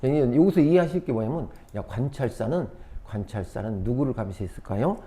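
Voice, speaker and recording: A man's voice: mid-range voice, fairly quick. A man teaching a history exam review, repeating key terms and talking through the answers with fillers. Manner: repetitive, lively, thinking aloud with fillers.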